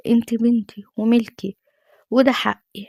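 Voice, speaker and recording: Casting: a woman reading as a cold, dismissive Egyptian father, sly and sinister, voice mellow and fairly high, dry sound. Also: flat delivery, moderate pace, creaky, husky, no room sound. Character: sly, cold abusive middle-aged father.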